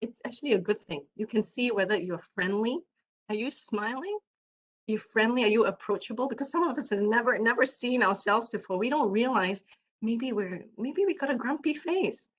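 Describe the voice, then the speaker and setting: A woman giving a keynote presentation online, speaking loudly by habit and repeating her points for emphasis. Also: fairly high pitch, normal speed, rough recording. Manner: animated, repeats herself for emphasis.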